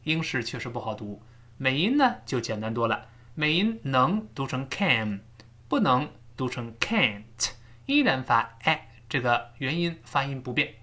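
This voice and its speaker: A man teaching English pronunciation in a recorded lesson, explaining step by step and drawing out sample words slowly. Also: medium pitch, sing-song, pushed and bright.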